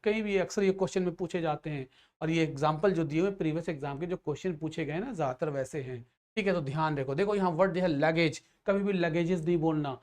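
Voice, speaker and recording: A man's voice: fairly high pitch, fast talker, darkish tone. A man teaching English grammar to exam students in Hindi, explaining patiently, mixing in English phrases and often checking that students follow. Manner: explains patiently, repeats checks like "theek hai".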